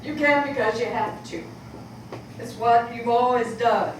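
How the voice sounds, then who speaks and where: An actress plays a weary, resolved grown daughter, speaking slowly and calmly in a fairly high voice. The sound is distant and echoey, like a stage in a large hall with background noise. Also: female voice, lightly acted. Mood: sad. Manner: calm, measured, resigned. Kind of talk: stage play acting.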